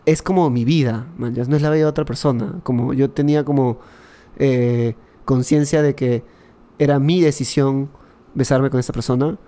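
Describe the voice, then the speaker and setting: A man's voice: mid-range voice, moderate pace. Young Peruvian man telling a story. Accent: Peruvian Spanish. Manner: animated storytelling, slangy, many "este" fillers. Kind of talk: casual podcast chat.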